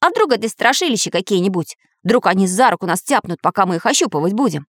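A woman's voice: mid-range voice, sing-song, fast, no room sound, clean studio sound. A woman voicing a brave little iron mechanic in a storybook reading, bold and blustering. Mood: worried.

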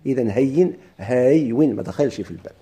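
A man with a Moroccan Arabic accent teaching a grammar lesson, quizzing students with quick questions and answers. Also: medium pitch, animated, dark tone. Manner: chants verse slowly.

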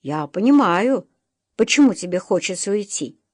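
A woman voicing a gruff middle-aged male blacksmith master in an audiobook, speaking a little hurt but encouraging. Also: mid-range voice, sing-song, moderate pace, no room sound, studio quality. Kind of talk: audiobook reading.

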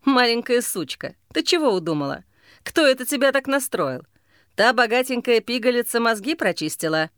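A woman's voice: on the high side, lively intonation, moderate pace, a bit bright, clear, resonant tone, no echo, studio quality. A woman voicing a drunk, brutal older brother who snarls crude threats, for an audiobook. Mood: contemptuous. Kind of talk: audiobook character voice.

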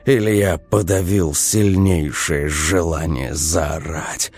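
A man reading a story aloud as a narrator, in a measured, expressive storytelling manner. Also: low voice. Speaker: audiobook narrator. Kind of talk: scripted narration.

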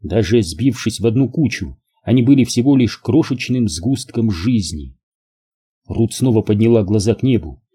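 A man narrating an audiobook in an even, measured reading. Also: mid-range voice, breathy edge.

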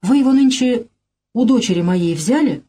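Woman reading a flustered old father, hesitant and husky. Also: fairly high pitch, expressive, moderate pace, mellow, voice pushed up.

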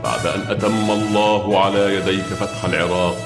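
A man playing a stately herald who reads out the caliph's orders, measured and ceremonious, in a historical drama. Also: low voice, fairly even intonation. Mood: solemn, commanding. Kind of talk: formal proclamation in classical Arabic historical drama. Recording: echoey voice over background music.

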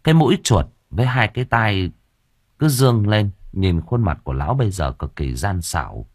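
A man's voice: on the low side, very animated, normal speed, breathy edge, no echo, clean studio sound. A man narrating an audiobook story in a dramatic, vivid way.

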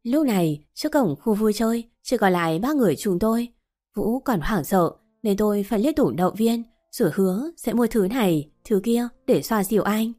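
Woman reading a story out loud, steady, soft music under it. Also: mid-range voice, moderate pace. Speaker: narrator. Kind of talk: first-person audiobook narration. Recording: faint background music.

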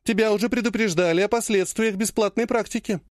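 A man voicing a powerful woman clan head who speaks in a slow, honeyed yet threatening way. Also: high-pitched, no room sound, studio quality, pitched above the performer's own voice, close to an everyday voice. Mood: honeyed menace. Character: sweetly menacing older woman clan head.

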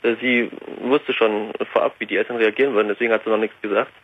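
The caller is an eighteen-year-old man phoning a late-night talk show over a tinny line with a little hiss or hum. His voice is fairly low in pitch, steady in tone, and fast, though he hesitates and uses many fillers.

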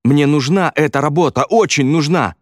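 A man's voice: a little high, normal speed, dry recording, clean studio sound, voice pushed up, natural voice. A man voicing a young male builder who rambles through excuses and pleads for his job. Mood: desperate. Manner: rambling, excuse-making storytelling.

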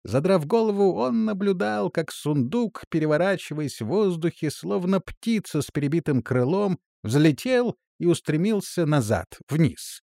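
A man narrating a fantasy storybook in an animated, dramatic manner. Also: on the high side, unhurried, vocal fry, hardly any pauses, dry recording, clean studio sound. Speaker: audiobook narrator.

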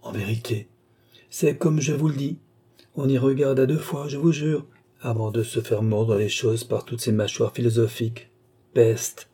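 A man's voice: mid-range voice, fairly even intonation, unhurried, dark tone, breathy edge. A man voicing a shrewd, fussy middle-aged police chief in an audiobook, speaking emphatically. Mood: alarmed.

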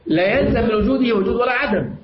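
A man's voice: very high voice, animated, very fast, crowd noise. A man with an Egyptian accent teaching a class. He explains step by step, repeats key phrases and quizzes his students. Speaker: teacher of Islamic jurisprudence. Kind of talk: classroom lesson with questions to students. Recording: echoey, dull lo-fi room recording with clear noise.

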